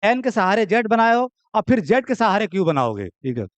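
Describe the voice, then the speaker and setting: Lecturing on university maths in Hindi, this young adult man from an Uttar Pradesh Hindi-accent background keeps checking in with "theek hai?" and slips in joking asides. He talks briskly and with great animation in a high voice, captured in a dry recording.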